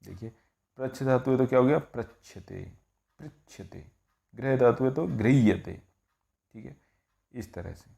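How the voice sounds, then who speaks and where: Slow, gravelly-voiced man teaching grammar. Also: medium pitch, mellow. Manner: explanatory, repeats "ठीक है" and asks rhetorical questions. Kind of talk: classroom-style grammar lesson.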